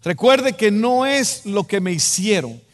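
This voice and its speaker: An unhurried, high-pitched, sing-song voice belongs to a Dominican man preaching in a Dominican Spanish accent. He delivers his sermon to a congregation emphatically and directly, repeating key phrases for weight, with long hall reverb.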